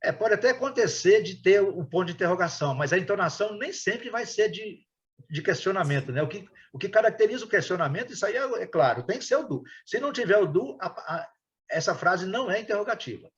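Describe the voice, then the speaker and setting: A man's voice: high voice, animated, fast. Hesitant man teaching online, muffled audio. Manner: hesitant, repeats words, many fillers. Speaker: English teacher. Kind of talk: online class explanation.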